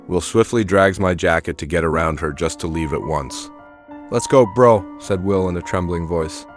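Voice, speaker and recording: A man narrating a first-person horror story in a steady, plain recounting manner. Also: deep voice.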